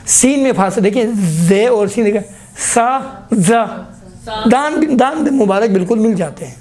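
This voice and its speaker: In a classroom, a man with a high, expressive voice and a warm tone teaches a Quran recitation lesson. He explains how the letters are formed and sounds them out again and again as examples, prompting his students to "look."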